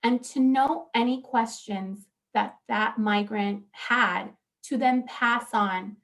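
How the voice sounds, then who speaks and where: Presenting on a conference panel as a law professor, a woman in her thirties talks at a slow pace in a slightly high voice. She's earnest and animated, and her speech is full of frequent fillers.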